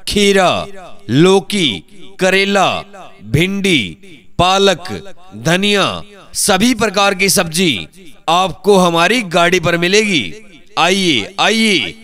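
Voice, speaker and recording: A man making a recorded sales announcement in the melodic, drawn-out call of a street vegetable vendor, repeating phrases and listing items one by one. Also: high voice, lively intonation, sharp tone.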